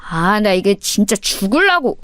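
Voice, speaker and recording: A woman's voice: mid-range voice, big pitch swings, normal speed, fairly bright tone, no echo, clean studio sound. A woman voicing a menacing teenage boy bully who threatens and taunts a girl, in a narrated audio story. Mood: swaggering.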